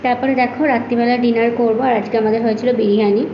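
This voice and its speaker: A tired young new mother, short on sleep, rambles casually to her viewers in a home vlog shot on a phone camera in a room at home. Her slightly high voice races along with little pitch movement, and the muffled, echoey recording carries a little hiss or hum.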